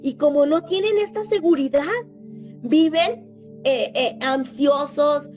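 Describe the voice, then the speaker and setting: A woman's voice: sits high, slow pace, darkish tone, faint music behind. A middle-aged Mexican woman teaching a church Bible class in a chatty way, often adding tag questions.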